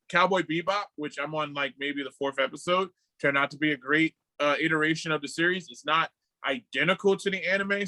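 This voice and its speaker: A man co-hosting a casual podcast over a video call, telling stories in an animated, slangy way with plenty of swearing. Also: on the high side, no echo, rough recording. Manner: animated, slangy storyteller who swears freely. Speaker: podcast co-host.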